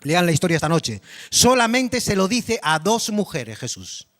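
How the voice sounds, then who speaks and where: Male pastor, high voice, animated sermon delivery that quizzes the congregation. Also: moderate pace. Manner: animated, dramatic storytelling with repetition; addresses the congregation directly with questions. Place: church congregation.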